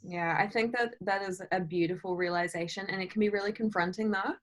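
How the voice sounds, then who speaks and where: A woman's voice: medium pitch, fairly even intonation, a little fast, crowd noise. A woman in a casual podcast conversation. She talks in a reflective, thoughtful way, working through her ideas aloud. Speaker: podcast co-host. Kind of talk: casual chat.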